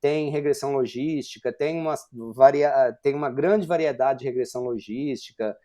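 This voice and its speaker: A man's voice: mid-range voice, moderate pace, mellow. A man in his forties from Brazil giving an online university lecture, explaining step by step with frequent fillers and rhetorical questions. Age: 40s.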